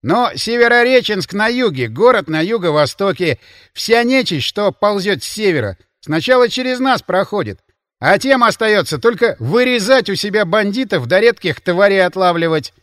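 A man voicing a loud, sarcastic male drinking companion who lectures his friends. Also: high voice, expressive, moderate pace, dry recording, studio quality, pitched above the performer's own voice. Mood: sarcastic lecturing. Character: brash loud male bar companion, mocking.

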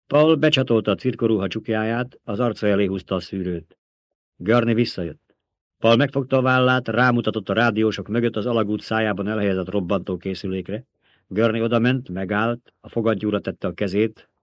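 Low-voiced male audiobook narrator. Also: no room sound. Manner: even, steady reading. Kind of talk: scripted narration. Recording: dull lo-fi audiobook recording.

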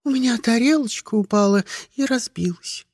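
A man's voice: extremely high pitch, moderate pace, no room sound, studio quality, voice pushed up. A man voicing a small, timid egg-creature girl in a storybook reading, fretful and shy. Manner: fretful, then shy and hushed.

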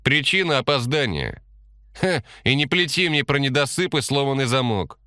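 A man's voice: fairly low pitch, animated, normal speed, pushed and bright, no echo, clean studio sound, pitched above the performer's own voice. A man voicing a petty, smug boss who sneers and mocks in an audiobook. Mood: sneering. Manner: mocking, sneering.

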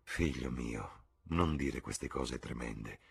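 A man reading a novel aloud, voicing a weary, theatrical middle-aged mother in a soft, slow murmur. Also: rumbling low, animated, slightly rough, heavily acted. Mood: pained.

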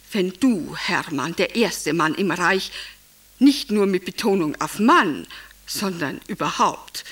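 An actress playing a vain, gushing, middle-aged wife who was once a stage actress, speaking in a theatrical radio drama with wide swings from cooing to brooding. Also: female voice, on the high side. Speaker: radio drama monologue lead. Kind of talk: German radio drama acting.

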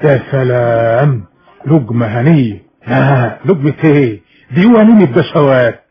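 An actor playing a jovial, flattering Egyptian farmer in a radio drama, effusive and chuckling in a folksy way. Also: male voice, medium pitch, unhurried, natural voice. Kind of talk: Arabic radio drama acting. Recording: dull lo-fi radio recording.

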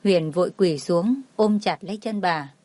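A woman's voice: fairly low pitch, measured pace, a little mellow, no echo. Dry-voiced woman narrating a drama story. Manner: reads all the figures herself, barely changing her voice. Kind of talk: scripted narration.

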